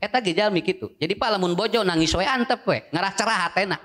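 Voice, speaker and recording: A man's voice: high-pitched, fast talker, a bit bright. A male Islamic preacher with a Sundanese accent, giving a sermon in a joking, storytelling way that switches between two languages.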